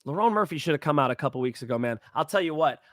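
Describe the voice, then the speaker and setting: A young man runs through his fight predictions in a loose, rambling monologue, full of swearing and sudden bursts of excitement. His voice sits high and sounds bright and forceful. The recording is dry and close, with no room sound. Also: racing, dry recording. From California. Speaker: host.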